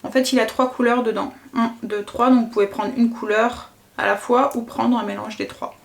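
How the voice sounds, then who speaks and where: Chatty woman's slightly high voice. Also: fairly even intonation, moderate pace, creaky. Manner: chatty, narrates each step with little interjections; self-correcting, trails off and restarts often. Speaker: family vlogger and mother. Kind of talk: casual makeup tutorial chat.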